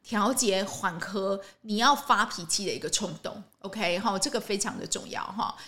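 A woman's voice: medium pitch, normal speed. Casual woman podcast host. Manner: ends phrases with a soft "ha" tag, asks rhetorical questions. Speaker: medical worker. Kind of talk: casual solo podcast advice talk.

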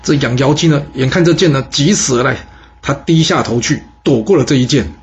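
A man narrating a history story in a lively, animated way. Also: mid-range voice, fairly quick. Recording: dull lo-fi recording.

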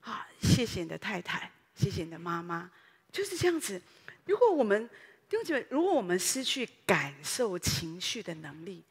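A woman pastor, preaching a sermon in a lively storytelling way that speaks directly to the congregation. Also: medium pitch, normal speed, breathy edge, in a large hall. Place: church.

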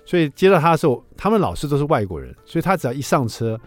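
Lively man chatting on radio. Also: on the high side, rapid-fire, dry recording, faint music behind. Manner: lively, chatty, asks listeners for agreement. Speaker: radio show host. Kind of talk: casual storytelling on talk radio. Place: radio studio.

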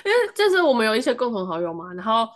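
A woman with a Taiwanese Mandarin accent, chatting on a podcast and telling a story in a lively way, acting out the people she quotes. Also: very fast. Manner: animated, acts out quoted voices with big pitch jumps and laughs. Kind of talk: casual chat storytelling.

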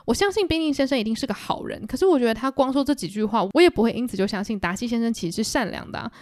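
Fast-talking woman podcast host. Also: fairly high pitch, dry recording, clean studio sound. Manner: chatty, animated, retelling with voices. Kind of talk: casual book-club retelling.

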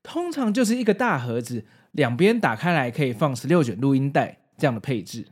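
A man with a Taiwanese Mandarin accent hosts a retro pop-culture video series, delivering a scripted, nostalgic retrospective in an explanatory, conversational way. His mid-range voice is husky and sing-song, a little fast.

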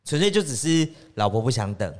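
A man's voice: medium pitch, big pitch swings, fairly quick, darkish tone. A man from Taiwan co-hosting a casual podcast chat, chiming in with short replies and finishing his partner's sentences. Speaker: podcast co-host.

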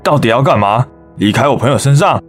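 A woman's voice: very deep voice, fairly even intonation, moderate pace, a little mellow, soft background music, pitched below the performer's own voice. A woman with a Taiwanese Mandarin accent voicing a stern young man who firmly scolds a spirit. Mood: angry. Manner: firm, scolding.

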